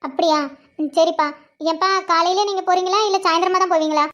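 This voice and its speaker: High squeaky cartoon granny, loving and fussy, teasing the grandkid, done by a voice actor. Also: steady tone, a little fast. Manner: fussing, gently teasing. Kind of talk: cartoon voice acting.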